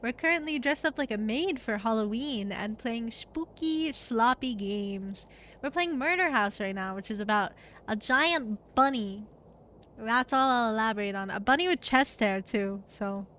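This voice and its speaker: A woman's voice: fairly high pitch, measured pace, fairly bright tone, slight background noise. A woman livestreamer with a cute, bubbly anime-streamer delivery, chatting casually during a horror game.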